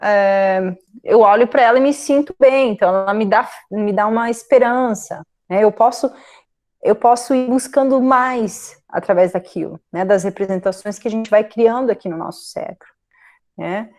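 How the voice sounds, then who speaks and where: A Brazilian woman psychologist giving a relaxed career guidance talk to students, often ending phrases with a questioning "né?". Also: medium pitch, moderate pace. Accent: Brazilian Portuguese. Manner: conversational, frequent "né?" tag questions.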